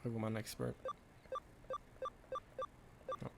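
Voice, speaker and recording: A man's voice: fairly low pitch, monotone, takes it slowly, gravelly, noisy background. A man doing casual game stream commentary, rambling and thinking aloud as he plays. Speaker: streamer playing a video game. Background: game music.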